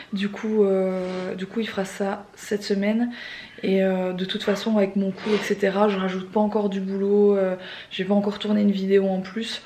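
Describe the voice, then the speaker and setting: A woman's voice: mid-range voice, creaky, mellow, slight background noise. A woman family vlogger talking casually to her viewers, rambling with many fillers. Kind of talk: casual vlog chat.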